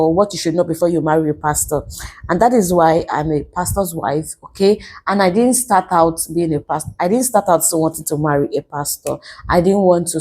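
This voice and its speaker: Female vlogger, thirties, lower register and very mellow tone, devout testimony, restates phrases for emphasis. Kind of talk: personal testimony vlog to camera.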